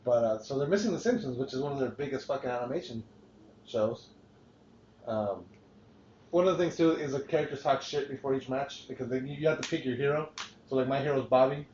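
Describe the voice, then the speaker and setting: A man's voice: mid-range voice, a little fast, a little mellow, slight background noise. A man hosting a casual podcast chat, rambling and swearing freely with frequent restarts. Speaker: podcast host. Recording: roomy, dull lo-fi podcast recording.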